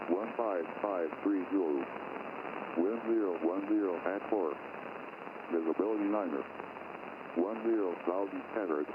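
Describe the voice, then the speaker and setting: A man's voice on an airport weather broadcast heard over an aircraft radio, reading weather figures in a flat, steady, repetitive way. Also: low-pitched. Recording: tinny radio with loud static.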